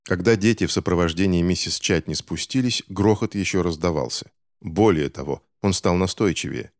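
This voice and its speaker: A man narrating an audiobook in a steady, measured reading. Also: deep voice, no room sound, clean studio sound.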